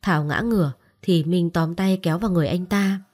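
A woman reads a romance story aloud in a steady, scripted narration. Her voice sits on the low side for a woman and flows evenly from line to line. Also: brisk.

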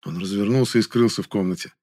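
A man calmly narrating an audiobook in the first person, in a measured way. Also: lowish voice, dry recording, studio quality.

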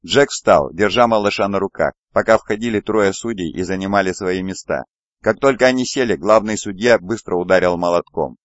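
Low-voiced male audiobook narrator. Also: fairly quick, no echo, muffled recording. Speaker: audiobook reader. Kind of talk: scripted narration.

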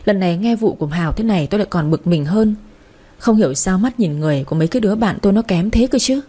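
A woman narrating a storybook in first person with chatty asides and sharp scolding dialogue. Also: medium pitch, lively intonation, fast talker. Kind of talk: storybook audio reading.

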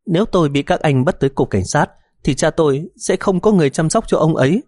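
A man's voice: animated, quick pace, darkish tone, dry recording. A male narrator voicing a distraught young woman who pleads through tears. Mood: tearful pleading. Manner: high pleading, tearful.

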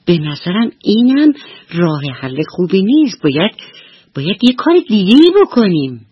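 A woman's voice: sing-song, breathy edge, dull audio. Woman doing a thin-voiced little mouse brother. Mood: urgent. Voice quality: thin, high.

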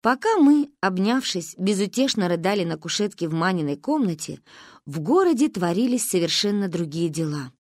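A woman reading an audiobook aloud in an expressive, storytelling manner, narrating as a little girl. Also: on the low side, moderate pace, dry recording, studio quality. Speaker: audiobook reader.

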